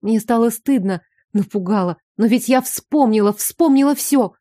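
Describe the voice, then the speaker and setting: Woman narrating an audiobook, mellow, dry. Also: a little high, normal speed, no room sound. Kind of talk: first-person audiobook narration.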